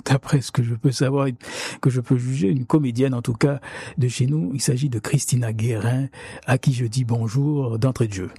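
A man's voice: mid-range voice, fairly even intonation, normal speed, dark tone, slightly rough. A man hosting an interview, speaking in a hesitant, roundabout way. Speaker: radio interviewer.

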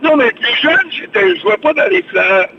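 A man's voice: very high-pitched, expressive, moderate pace, creaky. An older man with a Québécois French accent, chatting expansively on the radio by phone and repeating his words. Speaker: radio show host on the phone. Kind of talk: casual radio chat. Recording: dull lo-fi phone line with faint noise.

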